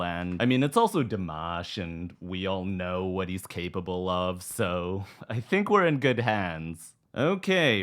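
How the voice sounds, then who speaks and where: A man with a low, croaky voice hosts a music reaction in an informal way. He takes his time as he talks, laid-back and self-deprecating, with some strain audible in the voice. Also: a bit bright. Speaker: music reaction host, former performer. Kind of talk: casual reaction commentary.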